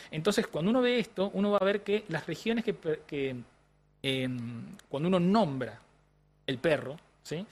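A man with a Rioplatense Spanish accent, explaining science in a didactic interview style with frequent tag questions. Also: a little high. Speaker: neuroscientist guest.

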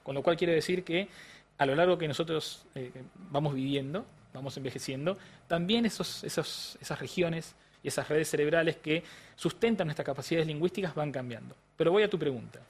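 A man's voice: a little high, fairly quick, breathy edge. A man with a Rioplatense Spanish accent, explaining science in a didactic interview style with frequent tag questions. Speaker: neuroscientist guest.

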